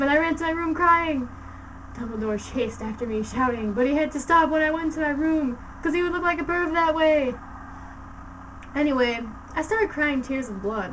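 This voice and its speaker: A woman reads a story aloud in a high voice with hammy, theatrical delivery. She drops in mocking asides as she goes. The recording is distant, with faint noise in the background. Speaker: story reader. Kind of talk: dramatic reading of fan fiction.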